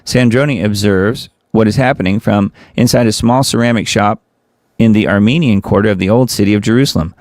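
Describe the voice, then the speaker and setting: A man's voice: lowish voice, a little fast, darkish tone, dry recording, studio quality. A man hosting a live commentary show, reading news articles aloud and breaking off for sarcastic, digressive asides. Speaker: host.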